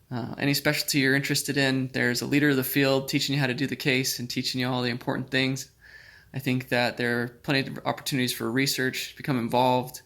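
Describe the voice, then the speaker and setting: A man's voice: mid-range voice, creaky, fairly bright tone. A man in his thirties from Utah, a surgical resident, giving a friendly, upbeat recorded testimonial. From Utah, USA.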